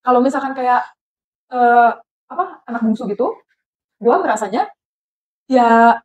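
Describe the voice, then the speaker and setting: A woman's voice: fairly high pitch, measured pace, muffled recording. A woman co-hosting a podcast, chatting casually and mixing English phrases into her talk. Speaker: podcast co-host. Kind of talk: casual chat.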